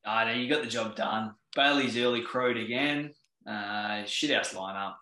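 Australian male co-host, sharp bright tone, mid pitch, needling casual banter, roomy echoing recording. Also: moderate pace. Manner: teasing banter. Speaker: podcast co-host. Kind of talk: casual chat. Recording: roomy, echoey sound.

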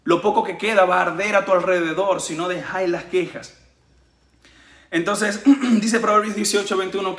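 A man's voice: fairly high pitch, a bit bright, reverberant. A man from preaching a sermon as a pastor, earnest and chuckling between points.

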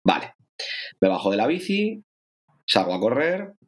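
A man spins a long anecdote in a relaxed podcast chat. His voice sits at an ordinary middle pitch, and he swears freely, acting out what went through his head. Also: a little slow. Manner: lively storyteller who swears and acts out his own thoughts. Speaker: podcast co-host, triathlete. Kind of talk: casual chat.

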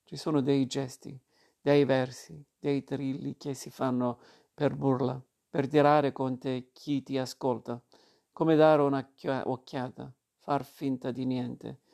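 A man narrating a literary novel in the first person, in a calm and measured way. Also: medium pitch, gravelly. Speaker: audiobook narrator. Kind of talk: literary audiobook reading.

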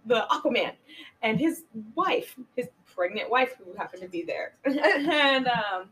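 A woman in casual chat, excitedly retelling a film plot with lots of laughter and casual swearing. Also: fairly high pitch, a little slow. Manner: giggly, animated storytelling, swears casually. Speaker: podcast guest.

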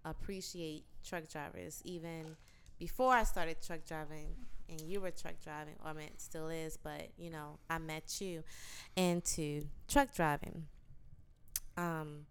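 Woman trucker, smooth resonant voice, soft-spoken and quick to laugh, casual couple vlog chat. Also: low voice, steady tone. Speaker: truck-driving vlogger. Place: hotel room.

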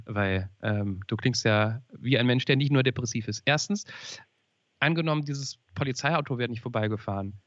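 A man's voice: medium pitch, moderate pace, no echo. A male podcast host asks careful, probing questions, tripping over his words and restarting as he feels his way forward. The sound is dry and close, slightly dull and muffled in the top end. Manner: gentle, probing, stumbling restarts. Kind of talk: interview questioning.

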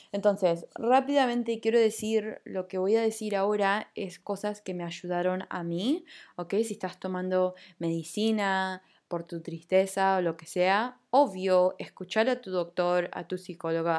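A woman's voice: lowish voice, darkish tone. A young woman with a Rioplatense accent, hosting a casual solo podcast in an upbeat, chatty, confiding way. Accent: Rioplatense Spanish. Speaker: podcast host.

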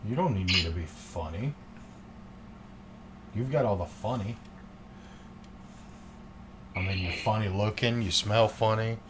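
A man's voice: fairly low pitch, a little slow, pauses often, background noise. A man on a casual podcast, muttering his reactions while playing a video game, off the microphone. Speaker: podcast guest.

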